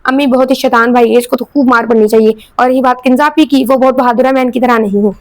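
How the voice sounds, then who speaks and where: Timid gentle daughter in an audio novel, read by a woman, mild. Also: fairly high pitch, fairly even intonation, no room sound, natural voice.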